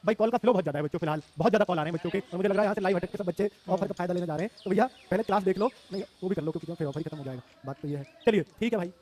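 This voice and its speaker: A man's voice: sits high, very fast, hardly any pauses, darkish tone. A man in his thirties with a Hindi accent, teaching a live online class for exam students, emphatic and repeating words to drill them.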